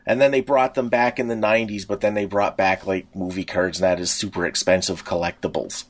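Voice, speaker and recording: Here a middle-aged man co-hosts a podcast in a low-pitched, fairly even voice, talking briskly. The chat is casual and nostalgic, talkative and rambling, built around anecdotes.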